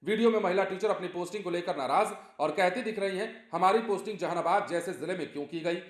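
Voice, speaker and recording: A man's voice: high voice, fast talker. A man presenting a news report with commentary, emphatic and repeating phrases for effect. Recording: roomy echo.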